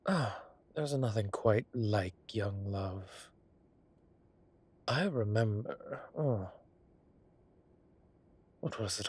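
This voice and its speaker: On the low side, a man voices an ancient godlike being who teases but has a soft romantic streak, drawling theatrically and indulgently in a roleplay audio drama. His mood moves from delighted and affectionate to wistful, then smug.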